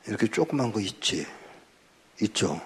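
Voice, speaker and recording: An older male pastor giving a testimony sermon, telling his story in an animated way and acting out the dialogue. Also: fairly low pitch, moderate pace, husky.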